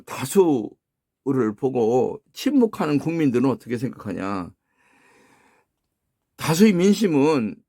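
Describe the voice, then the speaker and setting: An older man delivers an impassioned commentary in a fairly high voice. His pitch swings in a lively way as he fires off rhetorical questions and often breaks off to restart a word. The sound is dry and close. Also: no room sound. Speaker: political commentator. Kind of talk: spoken opinion column.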